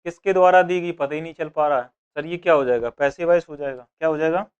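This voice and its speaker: Male exam tutor, smooth resonant voice, slightly high, question-and-answer teaching style. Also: fairly even intonation, quick pace, highs cut off. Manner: asks and answers his own questions, voicing students. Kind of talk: grammar lesson for exam prep.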